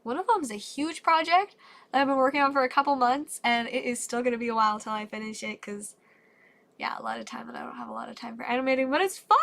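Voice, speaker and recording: Her high, bright voice has a forceful edge as she chats on a live stream while unpacking trading cards. She sounds a little congested, her voice not yet fully recovered, yet she rambles on in an upbeat, casual way.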